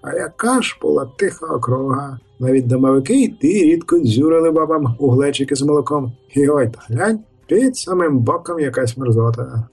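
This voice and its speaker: A man voicing a short, fat, irritable village reeve in an audiobook, husky and blustering, with faint music behind. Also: medium pitch, animated, fairly quick, hardly any pauses, distant mic. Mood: glum. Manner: blustering, shouting, gruff and jovial. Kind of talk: audiobook character voice.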